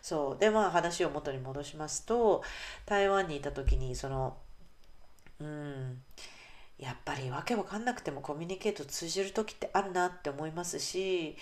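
Woman podcast host and English coach, low voice, casual solo chat. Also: moderate pace. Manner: chatty, warm asides with frequent "ne" and fillers.

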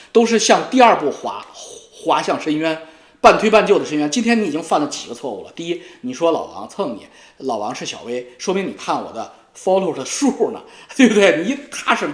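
A man in a profane, mocking monologue as a YouTube commentator, taunting a rival. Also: on the high side. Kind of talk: ranting monologue. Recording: roomy echo.

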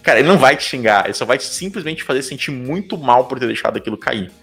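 This young Brazilian guest has a mid-range, gravelly, fairly bright voice and a Brazilian Portuguese accent, speaking fast with lively intonation over soft background music. His interview talk is casual and full of fillers such as "cara" and "tipo".

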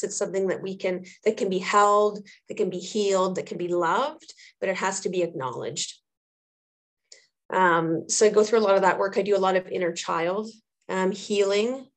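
A woman in her thirties or older speaks at a moderate pace in a mid-range voice. She is a trauma therapist and social worker appearing as an interview guest, answering earnestly and reflectively and repeating phrases for emphasis.

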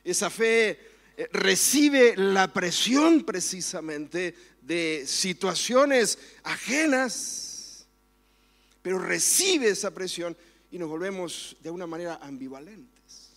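High-voiced pastor preaching. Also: male voice, animated, takes it slowly, fairly bright tone. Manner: storytelling with varied emphasis, fervent when praying. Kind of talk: sermon. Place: church.

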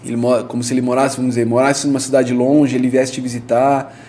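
Pastor guy, easygoing chatty explaining, warm low-key tone, faint hiss behind. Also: fast. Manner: relaxed, explains with everyday examples, frequent tag questions. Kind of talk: conversational teaching on prayer.

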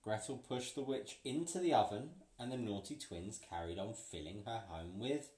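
A man reading a picture book aloud to a child, playful and pausing so the child can finish sentences. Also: lowish voice, lively intonation, a little mellow. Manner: playful, pauses for the child to fill in words. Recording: roomy, from a distance.

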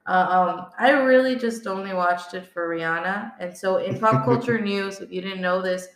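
Woman cohosting a podcast, gravelly fry, cracking jokes, lots of ums, roomy echo. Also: mid-range voice, moderate pace. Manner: joking, rambling with many fillers. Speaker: podcast co-host. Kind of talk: casual chat.

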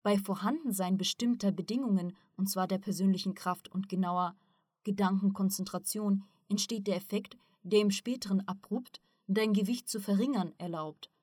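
A woman reading the part of a calm, learned male teacher who explains things patiently in an audiobook. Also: medium pitch, moderate pace, no room sound, clean studio sound, natural voice. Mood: explaining.

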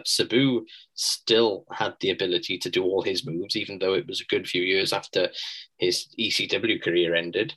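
A male podcast host reviews things in a conversational, explanatory style. His voice sits fairly low with a bright, forward edge, and he speaks in a measured but keen way. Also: vocal fry, rough recording.

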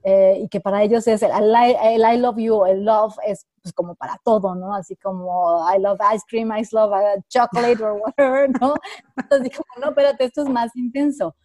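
A woman's voice: mid-range voice, normal speed, no room sound. Curious Mexican woman hosting a chat. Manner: curious, animated questioning. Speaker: host leading a group conversation. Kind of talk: casual group chat.

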